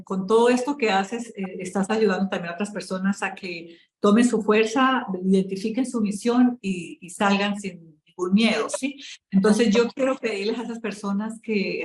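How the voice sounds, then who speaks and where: A Colombian woman, a spiritual coach, telling her story in an interview in an emotional, halting way, with many fillers and restarts. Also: medium pitch, echoey room, low-quality recording.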